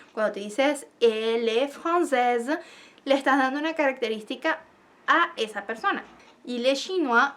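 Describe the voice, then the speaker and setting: High-voiced woman teaching a language lesson. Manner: slows down to spell out and repeat each example. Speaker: French teacher. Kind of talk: video lesson explaining grammar.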